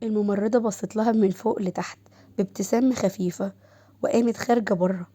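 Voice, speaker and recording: An Egyptian woman reads a scripted story at an even pace. Her voice is mellow and dark, medium in pitch. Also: fast.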